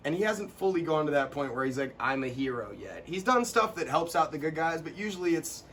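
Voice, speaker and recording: Young man, casual chat, animated, fairly high pitch, light ambient hiss. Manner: animated, quick to laugh, bursts into quoted lines. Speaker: co-host.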